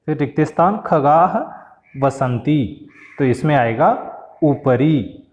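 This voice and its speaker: A man's voice: medium pitch, a little mellow, in a large hall, dull audio. A male teacher giving a recorded class lesson. He reads each word aloud, then explains it plainly.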